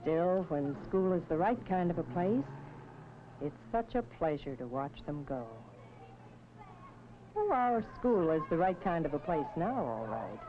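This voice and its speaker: An actress playing a thoughtful, worrying mother who narrates a vintage educational film in an earnest, measured, sentimental way. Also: fairly low pitch, big pitch swings. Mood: reflective, earnest. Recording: tinny, noisy vintage film soundtrack.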